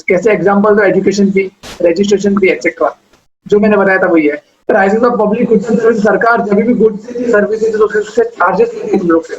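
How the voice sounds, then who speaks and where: A man's voice: high voice, highs cut off. A male teacher giving a lecture, explaining step by step and asking questions that he answers himself. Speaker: commerce teacher. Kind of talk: classroom lecture.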